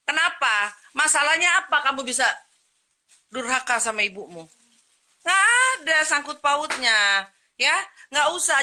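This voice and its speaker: Woman, high and bright, scolding account with repeated rhetorical questions. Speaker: vlogger telling her side of a family dispute. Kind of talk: heated personal account to camera.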